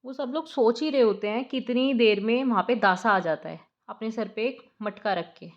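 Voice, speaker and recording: Female storyteller, chatty retelling, higher voice, dull lo-fi recording. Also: normal speed. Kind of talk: casual story summary narration.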